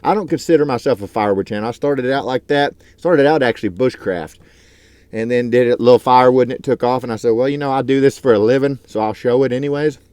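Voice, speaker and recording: A truck driver and YouTuber in his thirties vlogs casually from his truck, earnest and rambling with plenty of fillers. His medium-pitched voice is clear, resonant and a little mellow, and he talks quickly. There's no room sound.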